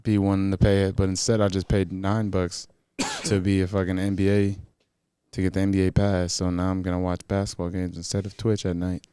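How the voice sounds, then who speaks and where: A young man with a low, dark, smooth voice, trading easy profane banter on a podcast. He is recorded close in a dry room. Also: monotone, fairly quick, no echo. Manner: easygoing, profane, drawling banter. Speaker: podcast co-host. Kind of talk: casual chat.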